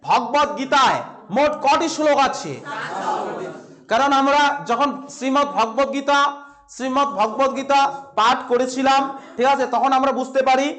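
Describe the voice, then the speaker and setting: A man's voice: very high-pitched, fairly bright tone. A man with a West Bengal Bengali accent teaching an exam-prep class in a filmed classroom. He quizzes his students, repeats each answer and adds playful asides.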